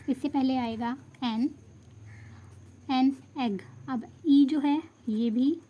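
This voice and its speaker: A woman's voice: on the high side, dark tone. A woman teaching English grammar, explaining step by step in a patient way and stopping to check that students follow. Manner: patient, checks understanding, mixes Hindi and English. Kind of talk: explanatory lesson.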